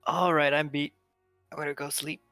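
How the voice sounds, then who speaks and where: A sly, nosy adventurer drops his voice to a hush, played by a man in his everyday voice. It is a tabletop game played as a group, with faint music in the background. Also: a little high, level tone, normal speed, no room sound, voice pushed up. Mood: sleepy. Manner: hushed, conspiratorial asides.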